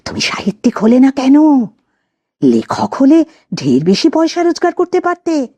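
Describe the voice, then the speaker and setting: A woman's voice: high-pitched, wildly swooping pitch, normal speed, dark tone, no echo, pitched above the performer's own voice. A woman playing a hissing, vengeful female ghost. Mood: mocking. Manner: cold, hissing, taunting.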